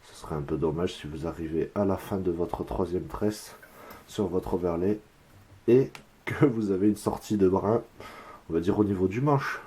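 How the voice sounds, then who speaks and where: A man from France calmly explaining a craft step by step, counting his braiding moves aloud as he works. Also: low voice, moderate pace. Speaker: whip-making instructor.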